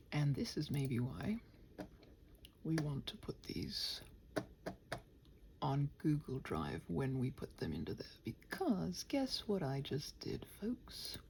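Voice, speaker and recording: Low, creaky and a little mellow, her voice is very animated yet slow, with long pauses and a slight hiss or hum in the audio. She's a host rambling and muttering to herself while working, body-doubling ASMR style, often sliding into a whisper. Playfully, she talks to the computer and voices pretend back-and-forths.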